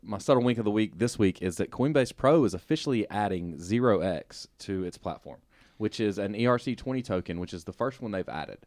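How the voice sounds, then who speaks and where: A man's voice: fairly low pitch, expressive, a little fast, hardly any pauses, darkish tone, no echo. A man co-hosting a casual podcast who makes dry joking asides. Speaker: podcast co-host.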